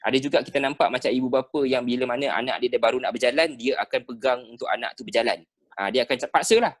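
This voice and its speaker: A Malaysian man with a Malay accent teaching sales skills in an online class over a video call, animated and dropping "ha" between phrases. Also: mid-range voice, fast talker. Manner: animated, peppered with "ha" and rhetorical checks. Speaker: sales trainer.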